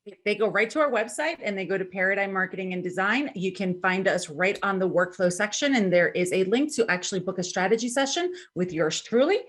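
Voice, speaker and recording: A woman guest on a podcast, talking over a video call in a relaxed, playful way. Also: mid-range voice, a little fast, hardly any pauses. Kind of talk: casual chat.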